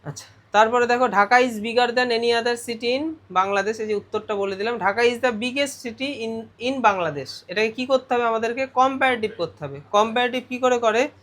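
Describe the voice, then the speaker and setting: This man's voice sits at an extremely high pitch, fairly bright in tone, at a moderate pace. Teaching a grammar lesson, he goes step by step and keeps questioning his students.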